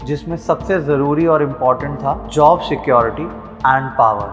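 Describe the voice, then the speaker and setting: A man's voice: a little high, moderate pace, over music. A man hosting an explainer video, narrating plainly and asking an interviewee questions. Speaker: host and narrator.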